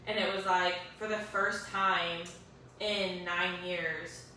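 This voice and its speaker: A young woman, a guest sharing her story, recounts a painful personal experience in an earnest, emotional way with many fillers. Her voice is on the low side, steady, slow, and sharp in tone. The room is echoey, the mic is distant, and there is faint hiss.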